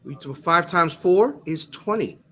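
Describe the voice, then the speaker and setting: A man's voice: on the high side, expressive, measured pace, pushed and bright. Laid-back man telling stories. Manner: laid-back storyteller, slangy, repeats "you know what I'm saying". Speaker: podcast co-host. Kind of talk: casual chat.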